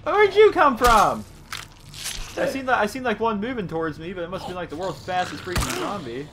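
A man giving casual let's play commentary over a zombie game, excitable and chatting to the enemies on screen. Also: high-pitched, brisk, noisy background. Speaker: gaming YouTuber. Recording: game sound loud behind the voice.

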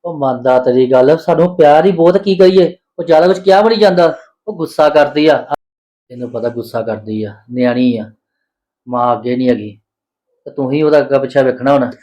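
Guy doing a soothing softie husband, mellow warm voice. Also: medium pitch, brisk, highs cut off, lightly acted. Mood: pleading. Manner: soothing, placating. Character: soft-hearted placating husband and elder brother.

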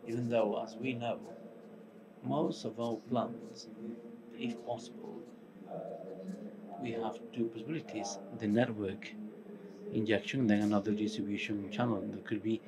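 Delivering a conference talk, a middle-aged man who co-founded a company speaks in a lowish, steady voice with a Portuguese accent and hints of Spanish. He uses short, halting phrases and pauses, on a large indoor stage with audience noise around.

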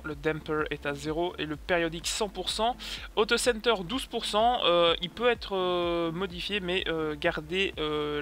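A man's voice: a little high, pushed and bright. A man from France giving a casual sim racing tutorial voice-over, hesitant and full of fillers. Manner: hesitant, many fillers, chatty.

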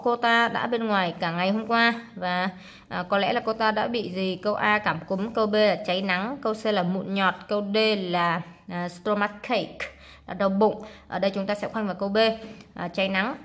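A woman with a Vietnamese accent, an English teacher explaining exam answers in a relaxed way with many filler sounds. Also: medium pitch, moderate pace.

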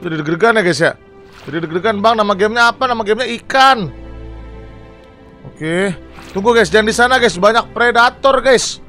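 A young man, streaming live gameplay commentary, excitable and always talking to his viewers. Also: sits high, a little fast, pauses often, soft background music. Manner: excitable, talks to viewers constantly, swings between fright and irritation. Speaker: game streamer.

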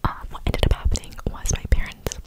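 A woman in her twenties whispering breathily through cupped hands close to the microphone, telling a casual, rambling ASMR story. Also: fairly quick. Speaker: ASMR video creator. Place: small bedroom, indoors. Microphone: close desktop condenser microphone.

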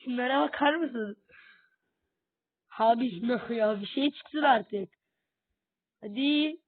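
A woman's voice: on the high side, slow pace, dry recording. A young woman doing casual commentary while opening game boxes, talking straight to her viewers in a frustrated, exclaiming way. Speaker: gaming YouTuber. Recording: tinny phone-like audio, dry.

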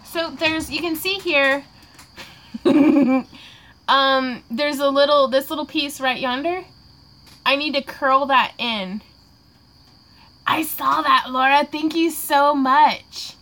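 A woman's voice: high-pitched, slow, pauses often, a bit bright. A woman, chatting and laughing a lot while crafting on a live Q&A, a little tipsy. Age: 20s. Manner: giggly and rambling, laughs often. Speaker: craft vlogger hosting a live Q&A. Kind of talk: casual livestream chat while crafting.

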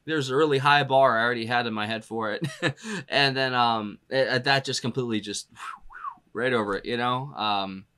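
Bright-voiced man rambling through a music reaction. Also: mid-range voice, normal speed, clean tone. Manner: rambling, loose, full of "you know" and "like"; laughs often while talking. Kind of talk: casual reaction commentary.

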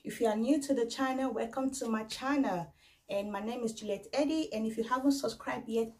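A woman's voice: on the high side, a little mellow, poor audio. A woman in her thirties hosting a casual try-on haul vlog at home, talking unhurriedly with many fillers. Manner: unhurried, halting, with frequent fillers. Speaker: vlogger. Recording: faint background noise.

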